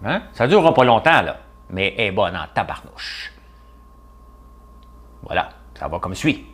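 A man's voice: fairly low pitch, big pitch swings, normal speed, fairly bright tone, breathy edge. A middle-aged man with a Quebec French accent, hosting a casual livestream and chatting with viewers by name. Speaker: livestream host reading viewer comments. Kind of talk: casual live chat.

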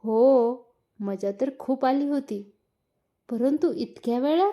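A woman's voice: high-pitched, takes it slowly, mellow. A woman voicing a shy, nervous young wife who speaks timidly in a read-aloud story. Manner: timid and hesitant.

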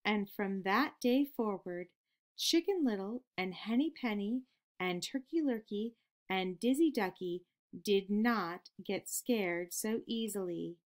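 A woman hosting a children's program, reading a picture book aloud in an expressive storytelling manner. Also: medium pitch, takes it slowly.

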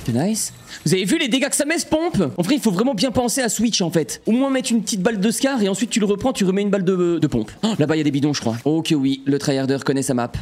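A young man giving excitable gameplay commentary to his viewers, breaking into sudden frustrated outbursts. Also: high voice, fast talker, few pauses. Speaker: gaming streamer.

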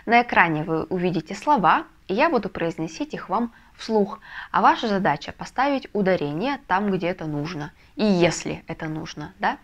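Woman teacher, fairly low voice, patient step-by-step explaining, soft "mhm" confirmations. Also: lively intonation, normal speed, lo-fi sound. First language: Russian. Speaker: Spanish language teacher. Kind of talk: online video lesson. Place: language school in a Russian city.

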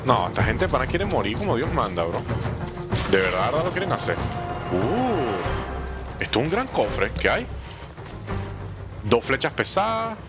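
A man giving slangy, animated let's play commentary and talking back to the game's characters. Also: medium pitch, unhurried, pauses often. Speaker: gameplay streamer. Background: game music.

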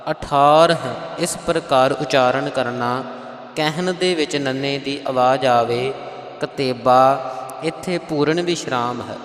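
A man with a Punjabi accent teaching scripture pronunciation. He chants verses slowly and then explains them plainly. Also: medium pitch, roomy sound, big-room sound. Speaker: Sikh scripture recitation teacher. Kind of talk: slow scripture pronunciation lesson with chanted lines.

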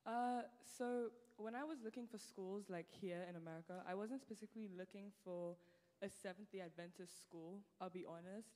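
Speaking into a handheld mic on a church stage, a teenage girl from Nigeria, there as a student guest, talks casually with plenty of "like" fillers. Her accent is Nigerian English with a British tinge, her voice medium-pitched, moderately paced and a little mellow, echoing with the long reverb of a big hall.

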